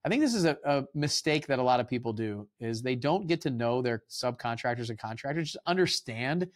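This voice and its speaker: A man hosting a casual podcast conversation, with a mid-range voice. He rambles in a relaxed way and slips into quick acted exchanges with workers he has hired. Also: medium pitch. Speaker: podcast host. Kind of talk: casual interview chat.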